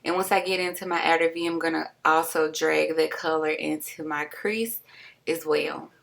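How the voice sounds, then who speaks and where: A woman's voice: low voice, steady tone, moderate pace, vocal fry, a bit bright. A young woman talking casually through a makeup tutorial as a voice-over, chatty and full of fillers, making light of her own sloppiness. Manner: self-deprecating about sloppiness.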